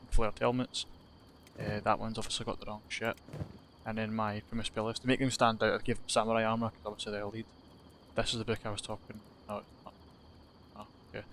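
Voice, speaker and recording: Over a game he's playing, a young gaming YouTuber from Scotland offers meandering, self-mocking remarks and swears casually. He has a medium-pitched, fairly bright voice, and there's slight background noise.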